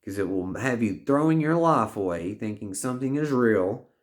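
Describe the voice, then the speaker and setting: A man's voice: lowish voice, animated, moderate pace. A man in his thirties talking straight to camera, earnest and rambling, often swearing and restarting his sentences as he gives life advice. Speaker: vlogger giving life advice. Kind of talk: heartfelt personal monologue.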